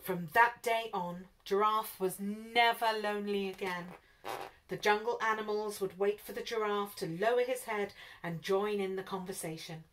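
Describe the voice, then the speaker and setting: A woman storyteller reading a children's picture book aloud in an expressive, lively way. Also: medium pitch, moderate pace, slight background noise.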